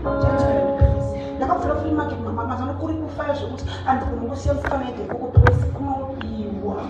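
A woman evangelist with a Zimbabwean accent, preaching a forceful sermon into a pulpit microphone. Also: sits high, rapid-fire, muffled recording. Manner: forceful preaching, switching between Shona and English. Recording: echoey church hall, distant mic, loud music behind.

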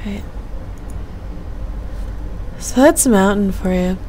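A woman's voice: mid-range voice, slow pace, darkish tone, slight background noise. A young woman chatting casually on a game stream in a hesitant, meandering way, half muttering to herself into a headset mic. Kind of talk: casual rambling stream chat. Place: small room at home, indoors. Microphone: gaming headset mic.

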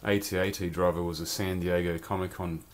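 A man's voice: low voice, flat delivery, fairly quick. A man casually reviewing a collectible toy in a rambling, chatty vlog from his home beer cellar. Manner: chatty, rambling, loose slang.

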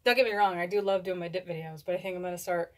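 A woman's voice: lowish voice, fairly even intonation, very fast, darkish tone. A young adult woman chatting casually to camera in a rambling, stumbling way, talking with a lip full of dip. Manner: rambling, stumbles over words. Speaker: video blogger doing a product review. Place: indoors, small home room. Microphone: camera at a short distance.

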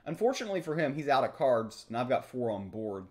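A young man streams a card game from a small room at home, thinking aloud as he analyzes each move live. His mid-range voice has a sing-song lilt, runs at a quick pace, and sounds a little mellow.

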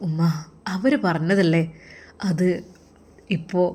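A woman's voice: fairly low pitch, steady tone, takes it slowly, darkish tone. A woman voicing a grown son who reasons and mildly protests with his mother, in a Malappuram Malayalam accent. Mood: protesting. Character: grown son, dutiful and a bit stubborn.

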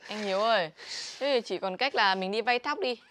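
A woman's voice: medium pitch, fairly quick, a bit bright, a little hiss or hum, natural voice. A woman with a Northern Vietnamese accent playing a scatterbrained younger sister who whines and pleads in a village comedy sketch. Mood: wheedling. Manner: whiny, wheedling, pleading.

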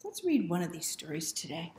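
Here a woman in her fifties, hosting library story time, reads a children's picture book aloud and talks with young kids using questions and simple directions. Her voice is fairly low and darkish in tone, very animated and fairly quick. Recorded in a small indoor room, the audio has a roomy echo plus a little hiss or hum.

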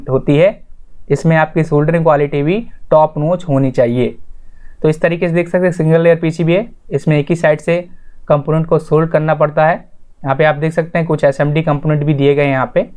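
Addressing the audience directly, this tutorial host restates his points as he gives an informal, explanatory voice-over lesson. His voice is a little high and a little mellow.

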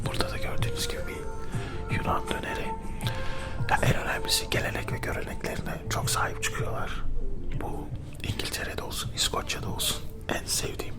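A man narrates a travel vlog in a hushed ASMR whisper. He explains things in a reflective, unhurried manner, all breath and very little voice. He comes from Turkey and talks as if guiding the listener around. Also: extremely high pitch. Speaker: vlogger.

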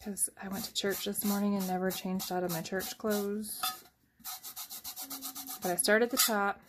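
Speaking in a level mid-range voice at a measured pace, a woman in her thirties hosts a rambling at-home craft demo over background noise. She goes step by step, chatting freely and making self-deprecating jokes.

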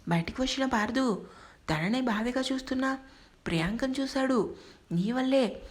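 A woman narrating a drama story with a steady storytelling manner. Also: a little high, normal speed.

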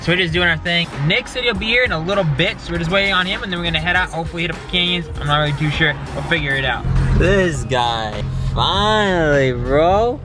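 High-pitched, excitable young frat-bro guy vlogging. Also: fast talker. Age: 20s. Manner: laddish frat-bro slang with bro and dude; excitable, jokey. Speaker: car vlogger. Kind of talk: casual vlog chat. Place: inside a car. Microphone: handheld camera at arm's length. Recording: loud music, car noise behind.

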